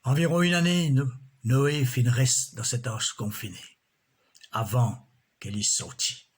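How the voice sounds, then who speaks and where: A man preaching a sermon in a slow, measured way, often breaking in with alleluias. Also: mid-range voice, animated, slightly rough.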